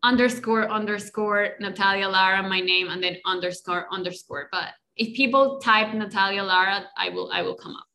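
A Colombian woman, a life coach, guests on a podcast interview, speaking English as a second language with a Colombian Spanish accent. Her medium-pitched voice moves at a moderate pace with hardly any pauses over slight background noise. She talks in a warm, reflective, casual way, often tagging on "right?" and "you know."

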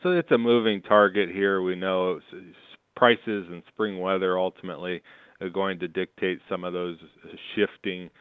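A man talking over the phone as a market analyst guest, giving steady commentary with frequent fillers. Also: sits low, moderate pace, clean tone, no echo. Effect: heard over the phone. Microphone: telephone. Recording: narrow phone line.

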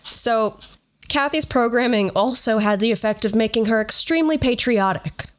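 A podcast host with a fairly high voice speaks at normal speed. She tells stories casually and conversationally, with a sardonic edge and some swearing.

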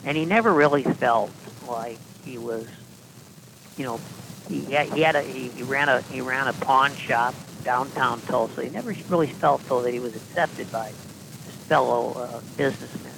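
A man, a podcast guest, telling long anecdotes in a deadpan style with dry asides and frequent restarts. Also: medium pitch, moderate pace, creaky, noisy background. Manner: deadpan, self-correcting storyteller with dry asides. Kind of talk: casual anecdotal storytelling.

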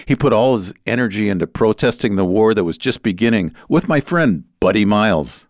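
A man's voice: on the low side, lively intonation, fairly quick. Wry older man telling a memoir. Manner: wry, conversational, with asides. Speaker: storyteller. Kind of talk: memoir storytelling.

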